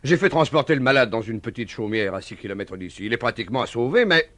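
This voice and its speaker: A man's voice: medium pitch, lively intonation, fast, a bit bright, no room sound, lightly acted. An actor playing a scheming master criminal in a 1950s radio serial, smug and theatrical, chuckling as he speaks. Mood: narrating. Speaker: villain.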